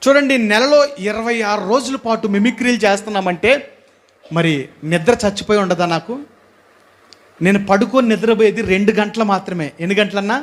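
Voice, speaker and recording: High-voiced man giving a church testimony. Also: a little fast. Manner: lively, questions the audience often, bursts of hallelujah. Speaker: guest preacher giving testimony. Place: church hall.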